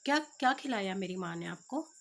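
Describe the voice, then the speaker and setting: A woman voicing a worried village wife who asks questions in alarm, with a husky voice. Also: mid-range voice, animated, a little fast.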